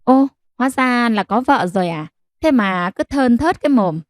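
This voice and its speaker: In an audiobook, a woman voices a haughty young stage actress dripping with scorn and sarcasm, pitching her natural voice higher than her own into a fairly high, lively register at normal speed. The recording is dry and studio quality.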